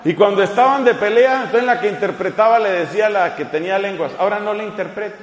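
Priest preaching in an echoing hall. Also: male voice, sits high, quick pace. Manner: animated, teasing, mimics voices in anecdotes. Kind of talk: humorous sermon with storytelling. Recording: echoey hall with long reverb.

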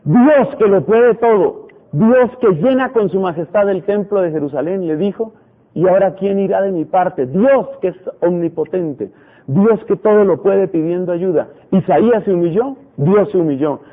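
A man's voice: high-pitched, lively intonation, moderate pace. A man preaching a fervent sermon as a priest, acting out prayers in the first person. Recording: tinny phone-like radio broadcast.

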